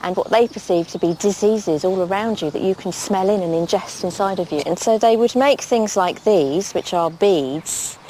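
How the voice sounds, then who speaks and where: A woman's voice: medium pitch, normal speed, hardly any pauses, mellow, a little hiss or hum, rough recording. A woman historian demonstrating objects and explaining them in a practical, matter-of-fact way.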